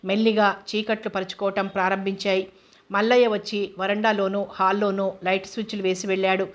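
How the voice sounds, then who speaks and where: Steady, flat-voiced woman narrating a novel. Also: medium pitch, fairly quick. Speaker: audiobook narrator.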